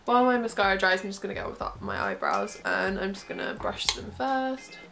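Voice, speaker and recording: A young woman with a cold chats casually through a makeup tutorial in her small bedroom, sitting close to the camera. Her mid-range voice sounds congested and a little creaky, and she talks a bit fast, relaxed and chatty with giggly asides.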